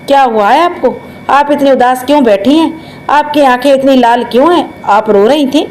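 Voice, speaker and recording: An innocent young sister-in-law fusses over someone she cares for in a spoken story, as a woman narrator reads her part. The voice is high and earnest, pressing with concern. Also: moderate pace, a little mellow, a little hiss or hum, lightly acted, poor audio. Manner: innocent, urgent.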